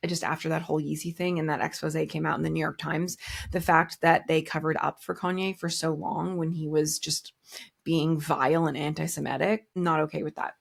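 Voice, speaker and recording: A woman's voice: low-pitched, gravelly, slightly rough. A Canadian-born woman hosting a fashion news show, chatting casually as she answers viewer comments, with lots of "like" in her speech. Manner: chatty, heavy use of "like".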